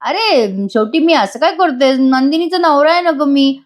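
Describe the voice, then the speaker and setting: A woman's voice: sits high, lively intonation, moderate pace, voice pushed up. A woman voicing a lovesick, earnest young husband in a voice-over retelling of a TV serial scene, speaking in a pleading, affectionate way.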